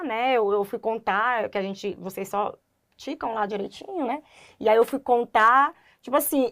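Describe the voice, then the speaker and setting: A young woman chatting as an interview guest, her voice sitting a little high. She tells her story with lively swings and acts out the voices of people she quotes. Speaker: guest, doctor. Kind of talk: casual interview chat.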